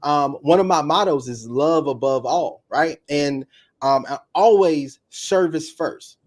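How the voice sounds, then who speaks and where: A man with a fairly high-pitched voice talks casually as a guest coach. He speeds up and gets animated when an idea excites him. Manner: energetic, fast bursts of enthusiasm. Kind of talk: casual interview talk.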